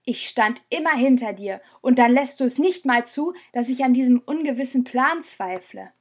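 A woman's voice: high-pitched, lively intonation, normal speed. A woman reading an audiobook, voicing a hurt young man who speaks with resentful reproach. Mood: bitter. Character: hurt, bitter young man leaving his friends. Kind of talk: audiobook character voice.

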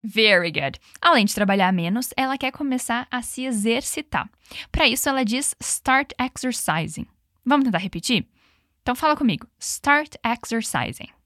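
A woman's voice: fairly high pitch, animated, a bit bright, no echo, clean studio sound. Patient woman teaching English drills. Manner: patient, slows down on English phrases. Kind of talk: language lesson with repeat-after-me drills.

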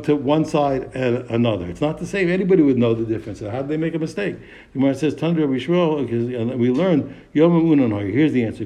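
This is a man teaching a Talmud text in a warm, mellow voice at an ordinary middle pitch. He reads Aramaic phrases and explains each one in English. He poses questions and answers them himself, often stumbling and restarting his sentences. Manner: frequent restarts, repeated words and hesitations.

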